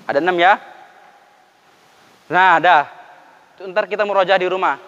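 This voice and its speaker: A man with an Indonesian accent teaching Quran recitation to a class, drilling letter sounds slowly and urging the students to repeat after him. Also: high voice, fairly bright tone, long reverb tail, dull audio. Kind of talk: classroom tajwid lesson with call-and-response drills.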